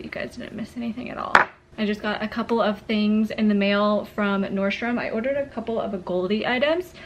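A woman's voice: mid-range voice, darkish tone, a little hiss or hum. A young woman chatting casually to her viewers in a try-on haul, full of "like" fillers, filmed in a small apartment on a camera. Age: young adult. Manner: chatty, frequent "like" fillers, friendly address to viewers. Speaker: lifestyle vlogger. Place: small modern apartment indoors.

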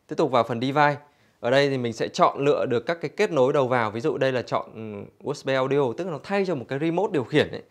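Male store demonstrator, mid-pitched. Infomercial-style walkthrough, explanatory and conversational, speaking to customers. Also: lively intonation, fast talker. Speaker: product demonstrator for an audio store. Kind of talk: product demonstration, infomercial-like sales presentation.

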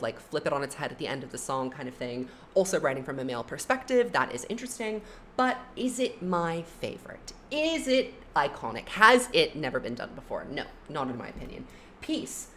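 A woman's voice: deep voice, slight background noise. A young adult woman talking casually as she ranks songs, chatty and opinionated, with many "like" fillers. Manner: animated, chatty, frequent "like" fillers. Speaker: music commentary YouTuber. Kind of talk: casual opinionated album ranking.

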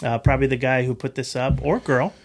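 A man's voice: mid-range voice, steady tone, brisk. Playful man from Rhode Island. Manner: playful, jokey, acts out voices. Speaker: guest. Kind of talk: casual chat.

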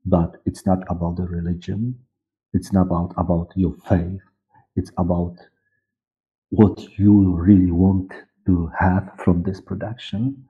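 This guest, a director and producer of audio drama from Poland, is a man in his forties whose deep, level voice has a breathy edge and a Polish accent. In unscripted interview talk he hesitates, hunting for words and repeating himself. He's on a video call from a dark room, the sound muffled and phone-like.

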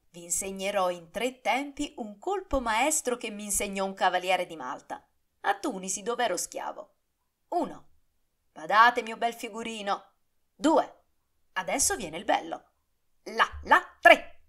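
A woman's voice: mid-range voice, fairly bright tone, full character voice. A cocky young swordsman who mocks his rival with cheerful, ironic courtesy, as a woman puts him on in an audiobook. His voice jumps upward with taunting flourishes. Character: mocking, swaggering young male swordsman. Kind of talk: audiobook character reading.

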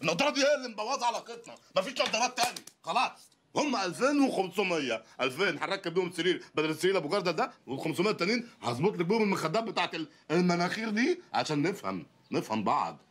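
A man's voice: sits high, big pitch swings, very fast, fairly bright tone, full character voice. An actor with an Egyptian accent playing a brash, poor male lawyer who teases and bickers in comic banter. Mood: scolding. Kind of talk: film comedy acting.

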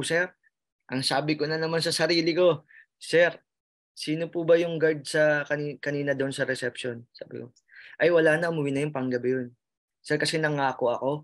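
Filipino-accented man, earnest, halting, polite, over a video call. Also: on the high side. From Philippines. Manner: earnest, addresses host as sir, frequent fillers and restarts. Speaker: interviewee, nurse who passed the licensure exam. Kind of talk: emotional storytelling interview.

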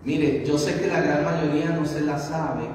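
A man's voice: fairly high pitch, steady tone, a little slow, darkish tone, a little hiss or hum. A middle-aged man, a priest, preaching a sermon at a baptism mass in a small chapel, speaking into a handheld mic and putting questions to the congregation. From Colombia. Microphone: handheld mic, far camera. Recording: echoey chapel, voice heard from far off.

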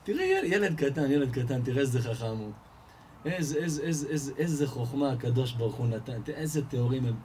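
A man giving a lively Torah lesson to an audience, telling everyday stories and firing rhetorical questions that he answers himself. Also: slight background noise. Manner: animated storyteller, asks and answers his own questions, rises in pitch and volume. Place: live event hall before an audience.

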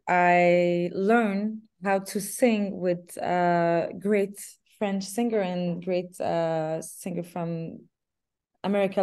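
Young woman singer on a video call. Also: fairly low pitch. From Canada. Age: young adult. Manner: hesitant, restarts often, laughs softly. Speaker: singer interviewee. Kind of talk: casual video-call interview. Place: small room indoors. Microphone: laptop webcam on video call.

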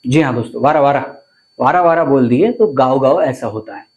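A man's voice: mid-range voice, a little fast, darkish tone. A man, teaching vocabulary to viewers and often repeating words and asking questions. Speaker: language teacher.

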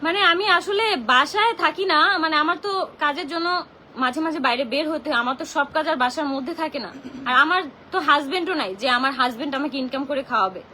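A woman's voice: high-pitched, lively intonation, quick pace, pushed and bright, slight background noise. A young woman venting on a phone livestream, heated and indignant and full of rhetorical questions. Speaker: social media livestreamer. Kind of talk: livestream rant.

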